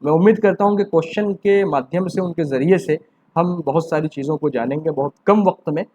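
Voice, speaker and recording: A man teaching an exam-prep grammar lesson. He asks rhetorical questions and answers them himself, rising to emphatic questions and then dropping low. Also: darkish tone, a little hiss or hum. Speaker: Urdu teacher.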